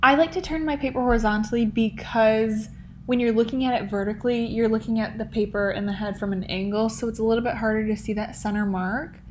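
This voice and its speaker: A woman's voice: fairly high pitch, fairly even intonation, a little fast, slight background noise. A young woman hosting a casual step-by-step drawing lesson, chatty and playful, with lots of "like" and "um". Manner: chatty and playful, many fillers like "like" and "um". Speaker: drawing tutorial host.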